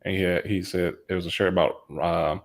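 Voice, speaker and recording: A man co-hosting a podcast in casual chat, animated and full of fillers, laughing often. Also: deep voice, brisk, creaky. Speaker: podcast co-host.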